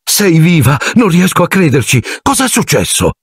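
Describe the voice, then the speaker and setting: A man playing an excitable teenage boy. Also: fairly high pitch, normal speed, slightly rough, no room sound, clean studio sound, voice pushed up, full character voice. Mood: excited. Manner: eager, excitable.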